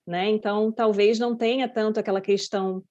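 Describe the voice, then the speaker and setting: Medium in pitch, warm, brisk, and fairly even in intonation, this Brazilian woman hosts a podcast interview. Her questions run long and chatty, often punctuated by "né," and the video-call audio sounds slightly dull and lo-fi.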